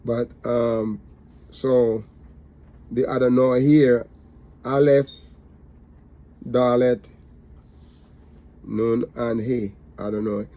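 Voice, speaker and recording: A man's voice: medium pitch, fairly even intonation, drawn-out words, long pauses, dark tone. A man teaching a Bible study, repetitive and emphatic, with many fillers.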